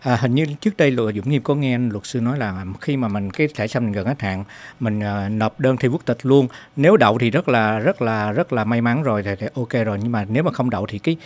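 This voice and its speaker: A man's voice: medium pitch, quick pace, a little mellow. A man hosting a radio call-in program, polite and formal as he thanks guests and announces. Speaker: radio show host.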